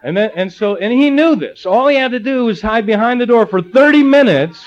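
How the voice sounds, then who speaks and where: With an extremely high pitch and a slightly quick delivery, a middle-aged Ohio pastor preaches through animated storytelling and joking asides. The recording is slightly dull and lo-fi.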